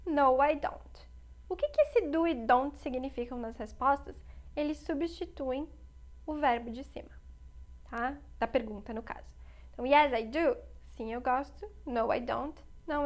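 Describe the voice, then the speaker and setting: A woman, teaching an online English lesson. She says model phrases slowly and repeats them, and checks in with her learners often. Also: high voice, fairly bright tone. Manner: checks in with "tá?" and "right?".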